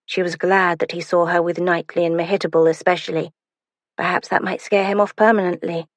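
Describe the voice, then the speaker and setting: A woman narrating a historical romance audiobook in a measured, expressive reading. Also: on the low side, dry recording, clean studio sound. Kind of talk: scripted narration.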